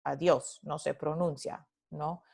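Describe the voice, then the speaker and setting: A woman's voice: sits low, fairly even intonation, creaky, a little mellow, husky. A woman teaching Spanish phonetics in a recorded lecture, moving between Spanish and English and repeating example words to model how they sound. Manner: explains slowly, switching between Spanish and English. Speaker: Spanish language instructor.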